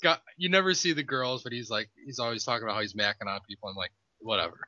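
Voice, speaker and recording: A man tells rambling stories on a casual podcast and laughs at his own anecdotes. His voice is bright and forceful. The sound is dry and close, with a dull, lo-fi quality. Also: mid-range voice, expressive, racing, no echo.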